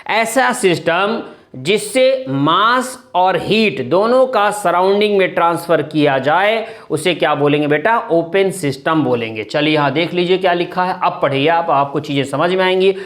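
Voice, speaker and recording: Chemistry teacher lecturing students. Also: male voice, high-pitched, animated, moderate pace, fairly bright tone. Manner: calls students "beta", asks and answers his own questions, often says "thik hai na". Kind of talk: classroom lecture with props.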